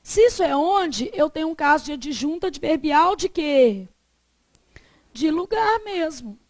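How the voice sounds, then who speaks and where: A woman teaching a Portuguese grammar lesson, lively, asking the class questions and answering them herself. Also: high-pitched, unhurried, no room sound.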